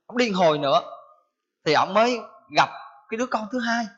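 A man's voice: high voice, expressive, fairly quick, fairly bright tone, breathy edge. A man with a Southern Vietnamese accent giving a storytelling Buddhist sermon, asking his audience questions as he tells the tale. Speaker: Buddhist preacher. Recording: dull lo-fi recording.

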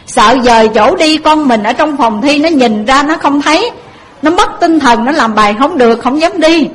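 A woman's voice: high voice, expressive, moderate pace, rough recording. A woman telling a moral story as a sermon, addressing her listeners emphatically.

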